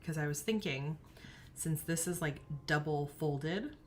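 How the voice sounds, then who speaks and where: A woman's voice: low-pitched, a little slow, a little hiss or hum. A young woman hosting a knitting livestream, telling a family story in a casual, giggly way with lots of filler words.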